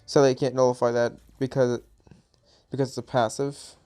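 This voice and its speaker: A man's voice: mid-range voice, flat delivery, moderate pace, mellow, soft background music. Tired-sounding man narrating gameplay casually. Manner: rambling, chatty, self-correcting. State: a little tired. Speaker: gaming channel host.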